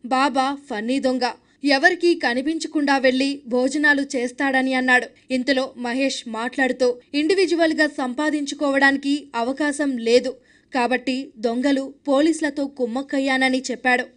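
A woman narrating a scripted news recap in a steady reading voice. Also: high-pitched, moderate pace.

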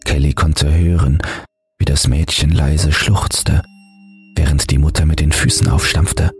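Man with a really deep voice reading a creepy story, calm and steady, faint music under it. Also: measured pace. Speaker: horror story narrator. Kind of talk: scripted horror audiobook narration.

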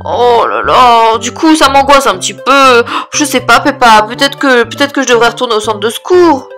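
A woman's voice: a little high, lively intonation, fairly bright tone. Woman playing timid boy puppy, cartoon toy play, polite, hesitant, faint music. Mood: anxious. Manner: hesitant, drawn-out words. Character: polite, timid, hungry young male puppy.

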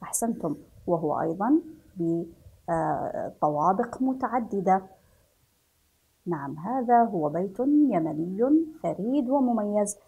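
A woman teacher with a Yemeni Arabic accent, slowly leading a children's reading lesson, repeating words for pupils and praising them often. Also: medium pitch, animated, breathy edge, dull audio.

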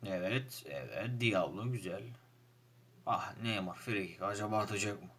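A young man with a Turkish accent giving casual commentary over a football manager game, frustrated and grumbling, jumping from loud outbursts to low muttering. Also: steady tone, normal speed, breathy edge. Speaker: gaming YouTuber playing a football manager game.

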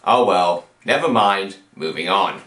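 A man hosting a comedic review, talking sarcastically and with exasperation, sometimes breaking into shouts. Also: sits low, lively intonation, unhurried. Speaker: host and reviewer. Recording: roomy echo.

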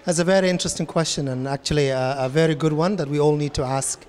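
A man who grew up in Somalia giving thoughtful, deliberate interview answers with many pauses. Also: fairly high pitch, fairly even intonation, darkish tone, long reverb tail, a little hiss or hum.

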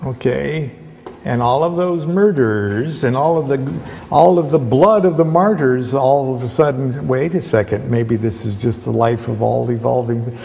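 A man giving a rambling spoken lecture, halting and repetitive, restarting often. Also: mid-range voice, creaky, mellow, big-room sound. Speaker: esoteric lecturer.

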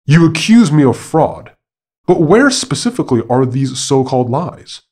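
A man's voice: lowish voice, animated, takes it slowly. A man voicing a boastful male monkey who proclaims himself a man, speaking in a grandiose, declaiming manner. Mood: scornful.

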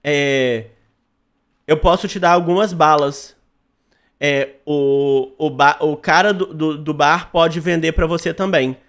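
A man's voice: on the high side, steady tone, slow pace, fairly bright tone, pitched below the performer's own voice. A man reading as a lost-bear little boy. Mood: polite. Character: young boy asking for his lost teddy bear.

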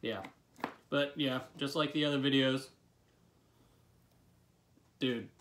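A man's voice: medium pitch, steady tone, takes it slowly, fairly bright tone. A young man in his twenties giving a casual, laid-back vlog review with a lip full of dip, recorded at a desk in a bedroom. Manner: laid-back, swearing freely. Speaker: product reviewer. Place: small bedroom, indoors.

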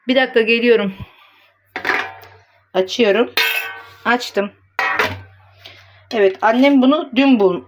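A woman vlogging casually to her phone camera, chatty, blunt and teasing, with a way of talking. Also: on the high side.

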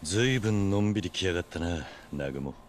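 An actor voicing a stoic middle-aged yakuza in a video game, with curt, grave gangster speech. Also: male voice, sits low, animated, quick pace, a little hiss or hum. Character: stoic, middle-aged male yakuza hero of few words.

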